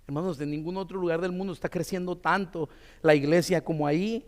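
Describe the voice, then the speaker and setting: A man's voice: fairly high pitch, steady tone, a little fast, long reverb tail. A man pastor preaching a sermon in a church, conversational, full of fillers and tag questions. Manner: tells a story with many "dice" quotes.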